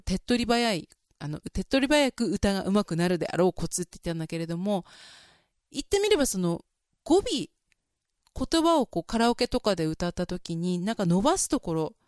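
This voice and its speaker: A woman's voice: mid-range voice, a little mellow, no echo, studio quality. A woman hosting a casual spoken vocal lesson, explaining chattily and breaking into sung vowel demonstrations. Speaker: vocal coach and podcast host.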